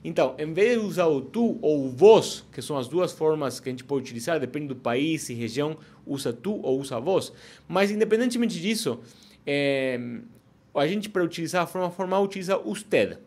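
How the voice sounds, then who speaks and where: Teaching Spanish online in a laid-back way, this man explains things one step at a time and keeps asking "ok?". His voice is a little high and he speaks at a moderate pace.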